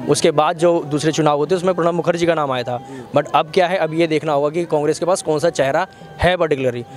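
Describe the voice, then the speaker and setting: A man's voice: fairly high pitch, steady tone, fast talker, faint music behind. A young man explaining his political analysis in a street interview, speaking into a handheld mic outdoors. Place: outdoors by a lake. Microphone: handheld mic held by interviewer.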